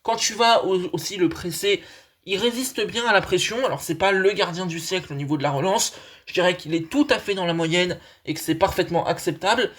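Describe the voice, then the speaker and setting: High-voiced chatty football analyst man. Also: fairly quick, a bit bright. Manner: chatty, enthusiastic, addresses viewers as friends. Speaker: football channel host. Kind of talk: casual analysis monologue.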